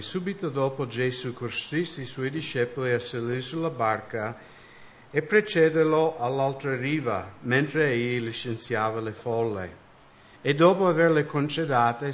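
Brief: male church interpreter, steady reader, occasional self-corrections, lo-fi sound. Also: mid-range voice. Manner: reads steadily, with small slips and self-corrections. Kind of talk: interpreting a sermon and reading scripture.

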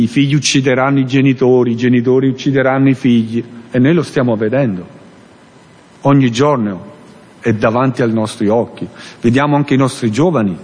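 Preacher in a reverberant hall. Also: male voice, fairly high pitch. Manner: earnest, rising and falling emphasis, searching for a verse aloud. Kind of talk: sermon.

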